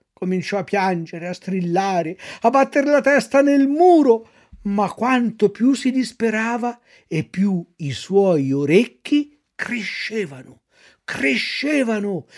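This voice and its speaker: A woman narrating a classic storybook with expressive, dramatic delivery. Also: medium pitch. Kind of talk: storybook reading.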